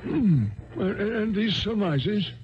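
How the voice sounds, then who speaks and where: An actor playing an earnest, puzzled gentleman doctor, hesitant and questioning, in 1970s radio drama style. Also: sits high, expressive, takes it slowly, a little hiss or hum. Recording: muffled 1970s radio recording.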